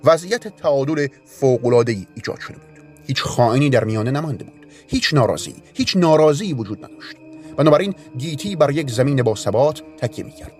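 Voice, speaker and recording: A man reading a story aloud in a calm, measured way. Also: mid-range voice. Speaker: narrator. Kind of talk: audiobook narration. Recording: narration with faint music bed.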